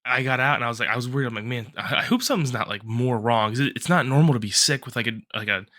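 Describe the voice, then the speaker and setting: Bright-sounding dude on a podcast, rambles, swears a lot, kinda congested. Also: male voice, medium pitch, very fast. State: lingering cough and congestion. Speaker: podcast co-host. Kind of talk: casual podcast chat.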